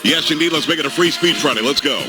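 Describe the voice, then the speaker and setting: Over loud music, a middle-aged radio host with a fairly high voice talks quickly. He trades casual banter with his co-hosts, spinning jokey stories with animated delivery.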